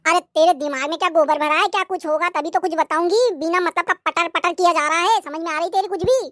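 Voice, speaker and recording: A woman plays a smug young wife in a cartoon, scheming and sharp-tongued. The voice sits very high and scolds with relish. The sound is dry and close. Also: quick pace, no echo. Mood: scolding. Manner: scolding, gloating. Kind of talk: cartoon voice acting.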